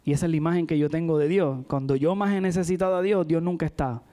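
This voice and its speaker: A man's voice: on the high side, fairly even intonation, fast, mellow, smooth. A man preaching a sermon in a church, telling personal stories in a chatty way and often checking in with the congregation. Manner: chatty, frequent "¿verdad?" asides, addresses the congregation.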